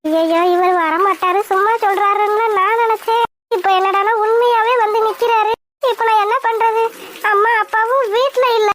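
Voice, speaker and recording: A woman voicing a flustered young bride in a cartoon, talking in a squeaky voice. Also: steady tone, moderate pace, fairly bright tone, slight background noise. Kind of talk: cartoon voice acting.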